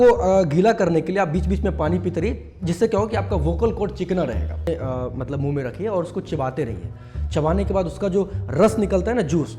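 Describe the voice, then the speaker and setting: A man's voice: fairly high pitch, a little mellow, slight background noise. Chatty man teaching mimicry. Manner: chatty, explains step by step with many fillers. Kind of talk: casual tutorial talk.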